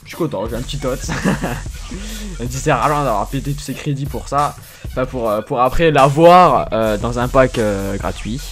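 A man's voice: mid-range voice, moderate pace, faint music behind. A man doing casual, self-mocking commentary while opening game packs, stammering and laughing often. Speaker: gaming YouTuber.

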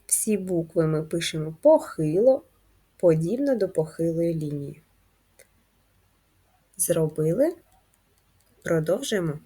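A woman teaching first graders in a video lesson, speaking slowly and clearly in a sing-song way for young children. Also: on the low side, lively intonation, warm tone. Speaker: primary school teacher.

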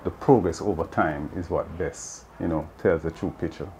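On an open veranda outdoors, a Jamaican math teacher in his fifties earnestly explains his views in interview answers, often saying "you know". His voice is low-pitched and darkish at normal speed, with a little hiss or hum.

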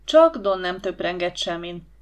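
A woman narrating a youth science-fiction audiobook with lively storytelling. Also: on the low side, dull audio. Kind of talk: scripted narration.

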